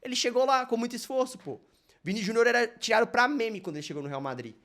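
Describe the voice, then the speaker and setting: A man's voice: very high-pitched, lively intonation, fast talker, fairly bright tone. A Brazilian man reacting live to a video, talking casually in a rambling, slang-heavy way. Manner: slangy, rambling, loaded with fillers like "mano" and "velho".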